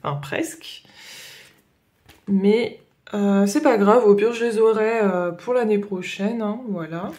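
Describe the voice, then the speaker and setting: A woman's voice: mid-range voice, fairly even intonation, measured pace, a little mellow. A young adult woman with a Northern French Ch'ti accent chatting casually through a haul, hesitant and full of fillers and "voilà". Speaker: coloring vlogger.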